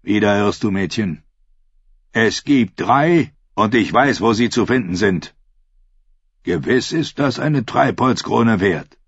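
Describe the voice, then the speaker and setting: A man voicing a cunning, commanding pirate king in an audiobook, speaking slow and low. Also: lively intonation, breathy edge, no echo, lo-fi sound, heavily acted. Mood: menacing.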